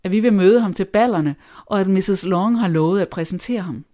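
A reader voicing a bright, quick-witted young woman speaking to her mother in an audiobook. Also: medium pitch, voice pushed up, close to an everyday voice. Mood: cheerful. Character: lively clever young woman, second daughter.

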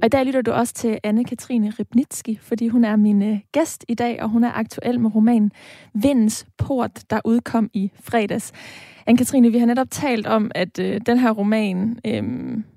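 A woman hosting a literary interview who asks measured, guiding questions. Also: fairly high pitch, steady tone, creaky, dark tone, no room sound, studio quality. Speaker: radio/podcast host.

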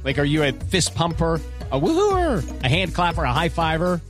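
A man's voice: fairly high pitch, wildly swooping pitch, moderate pace, a bit bright, faint music behind. A man presenting a radio ad in a chatty, upbeat way. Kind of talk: casino radio ad read.

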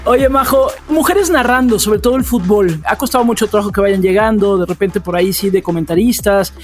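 A woman's voice: mid-range voice, fairly quick, faint music behind. A woman interviewing a guest, asking questions in a friendly, conversational way.

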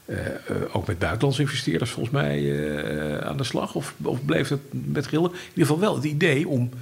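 A man's voice: mid-range voice, expressive, a little fast, creaky. A male interviewer who asks leading questions and backs the guest up with short affirmations. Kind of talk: conversational interview.

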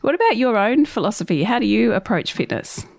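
A woman with a croaky, slightly tired voice, hosting a podcast in a chatty, informal way. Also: on the high side, sing-song, fairly quick, a little mellow. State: croaky and fatigued from illness. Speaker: podcast host. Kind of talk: podcast introduction and interview questions.

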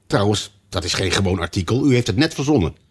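Man reading as a storybook girl, blunt and stubborn, husky, pitched up from the narrator. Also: lively intonation, fast talker. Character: plain-spoken, stubborn young girl.

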